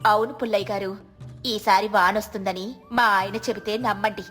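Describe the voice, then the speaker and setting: A woman voicing a sensible, generous village farmer's wife who talks gently and persuasively. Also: mid-range voice, fairly even intonation, normal speed, soft background music, close to an everyday voice. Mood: gentle.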